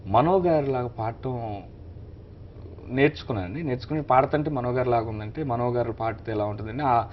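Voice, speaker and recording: A man's voice: medium pitch, a little fast, muffled recording, slight background noise. A man, a mimicry artist, answering politely as a studio interview guest. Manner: polite, deferential replies.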